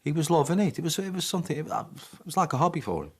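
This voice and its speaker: A man's voice: on the high side, expressive, fast talker, breathy edge. A man in an interview, telling anecdotes and acting out remembered conversations. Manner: anecdotal, acts out quoted dialogue. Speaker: interviewee, former player. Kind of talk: storytelling interview.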